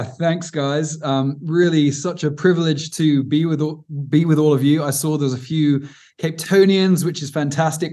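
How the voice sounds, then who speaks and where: Here the Cornish man's pitch is fairly high and his tone warm. As a visiting speaker from southwest England with an English accent, he teaches about prayer earnestly and informally, full of fillers and false starts.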